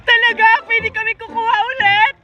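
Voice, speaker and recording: A performer voicing a greedy, bratty little girl who whines and shouts. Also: very high-pitched, level tone, brisk, distant mic. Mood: grabby. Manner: whiny, shouting, grabby. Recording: music playing behind.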